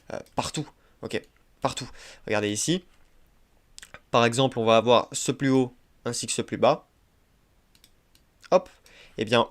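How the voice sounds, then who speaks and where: A man's voice: medium pitch, fairly bright tone. A man teaching trading over a screen-share tutorial, who talks emphatically, repeats key points and keeps asking "ok?". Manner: repetitive, emphatic, many verbal tics like "ok?" and "hop". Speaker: trading instructor.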